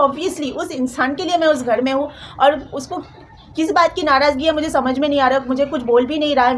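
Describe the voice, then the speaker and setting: A woman's voice: sits high, slight background noise. A young woman vlogger telling a personal story with feeling, acting out the quoted lines of her family.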